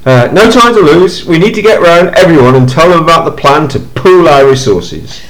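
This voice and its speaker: A brisk meeting chairman. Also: a little high, lively intonation, fairly bright tone, low-quality recording. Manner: brisk and businesslike.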